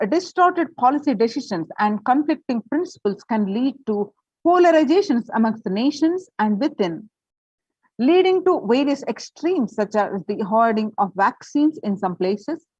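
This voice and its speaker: A woman reads a prepared text aloud as a presenter, her somewhat high voice moving up and down a lot. The voice is a little husky, and she trips now and then into fillers and restarts. The recording is dry and a bit dull. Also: no echo. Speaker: presenter reading an article.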